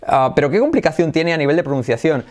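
A man's voice: on the high side, expressive, a little mellow. Man teaching English pronunciation. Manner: explanatory, repeats phrases slowly for practice. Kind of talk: spoken language lesson.

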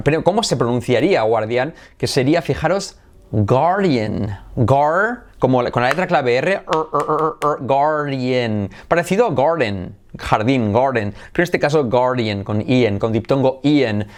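A young man whose first language is Spanish, teaching English pronunciation in a lively online lesson and drilling sounds by repeating them. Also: medium pitch.

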